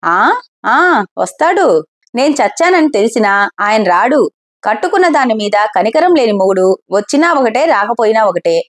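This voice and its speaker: Woman narrator doing a sharp-tongued, resentful mother; storybook role, bitter retorts. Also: a little high, big pitch swings, moderate pace. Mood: bitter scorn.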